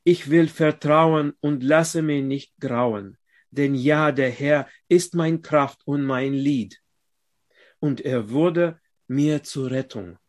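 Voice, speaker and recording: Slow, halting male preacher. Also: a little high. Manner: slow, halting delivery with pauses, rising loud when reading scripture aloud. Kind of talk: sermon.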